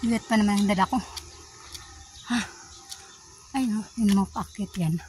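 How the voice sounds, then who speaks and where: A woman vlogger narrates her uphill walk on an outdoor street, breathless and chatty, then turns loud and excited when greeting family. Her voice is mid-range at normal speed, with loud street noise behind her.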